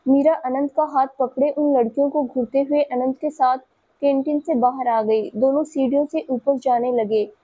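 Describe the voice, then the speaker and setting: A woman storyteller giving scripted audio-story narration in a steady, even manner. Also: high-pitched, moderate pace.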